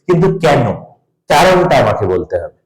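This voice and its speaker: A man's voice: fairly high pitch, very animated, moderate pace. A male teacher, quizzing his students through a grammar lesson and drilling spellings aloud. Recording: roomy echo.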